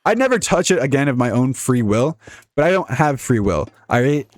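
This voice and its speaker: A man's voice: medium pitch, very animated, normal speed, no echo. A young man giving casual, jokey, rambling commentary while playing a video game. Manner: rambling, jokey, laughs often. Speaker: gaming YouTuber.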